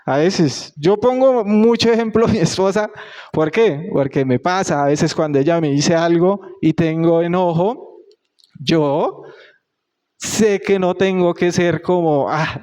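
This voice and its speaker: A young man preaches in a relaxed, talky way, often slipping into little quoted voices. His voice sits a bit higher than most men's. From Colombia. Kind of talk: sermon.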